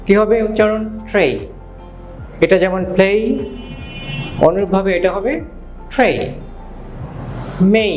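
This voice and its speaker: Bengali-accented male pronunciation teacher, high voice, unhurried drill delivery, repeats examples. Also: steady tone, a little mellow, soft background music. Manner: repeats each example word several times, asks questions and answers them. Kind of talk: slow, repetitive pronunciation lesson.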